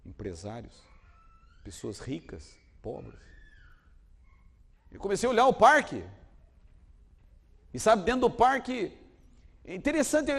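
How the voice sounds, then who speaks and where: High-voiced man preaching a dramatic sermon. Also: gravelly, long reverb tail. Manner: dramatic, swinging between loud peaks and hushed passages. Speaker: pastor.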